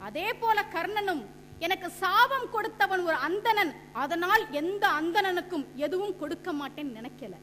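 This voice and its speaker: A woman's voice: very high-pitched, lively intonation, moderate pace, fairly bright tone. A woman giving a stage debate speech, quoting scripture and poetry and acting out anecdotes. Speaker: debate speaker. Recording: echoey hall with faint hum.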